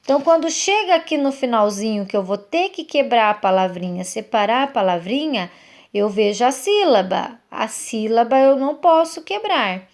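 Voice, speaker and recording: A woman's voice: on the high side, animated, moderate pace. A woman teacher, explaining a lesson to young children step by step, patient and checking in with questions. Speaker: primary school teacher.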